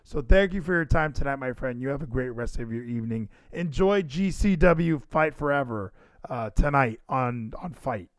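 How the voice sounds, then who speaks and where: A man hosts a podcast livestream of casual wrestling show chat, rambling and emphatic as he repeats phrases for effect. His medium-pitched voice is expressive and moves at a moderate pace. The sound is clean and studio-like, with no echo.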